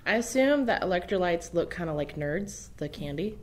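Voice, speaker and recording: A woman's voice: fairly low pitch, lively intonation, normal speed, very noisy. A woman co-hosting a podcast in casual chat, teasing and loose, with lots of fillers. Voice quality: teasing, filler-heavy, laughs easily. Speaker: podcast co-host.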